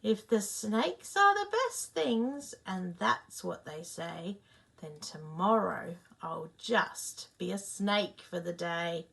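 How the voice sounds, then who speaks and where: A woman's voice: mid-range voice, animated, takes it slowly, gravelly, fairly bright tone, heavily acted. A woman voicing a restless male emu from a picture book who boasts about becoming other animals. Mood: cheeky.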